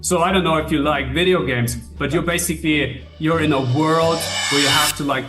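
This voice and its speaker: A playful man from Germany chats on a video call and keeps stumbling into restarts. His fairly high voice sounds set back from the mic. Music plays clearly behind him. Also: fairly even intonation. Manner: playful, laughing, with halting restarts. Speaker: video game company founder. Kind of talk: casual video-chat conversation. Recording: distant video-chat audio with music.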